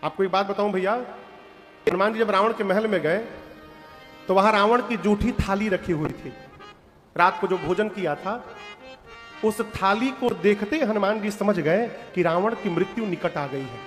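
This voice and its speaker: A man with a Purvanchal Hindi accent tells devotional stories in a folksy way, often speaking straight to his listeners. His voice is high and carries well. It echoes through a large hall over soft instrumental music. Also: moderate pace. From Purvanchal, India. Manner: folksy, addresses the audience directly. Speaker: devotional katha storyteller. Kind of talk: devotional storytelling sermon with sung verses. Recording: long hall reverb with music.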